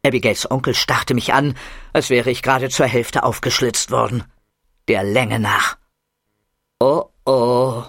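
Brief: expressive male narrator, first-person storybook reading, animated delivery, close dry recording. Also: medium pitch, husky, no echo. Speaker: audiobook narrator.

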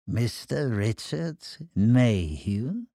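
A man's voice: mid-range voice, lively intonation, warm tone, no room sound, studio quality, heavily acted. Man voicing an oily, sinister phone villain. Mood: oily menace. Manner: slow, smooth and sinister.

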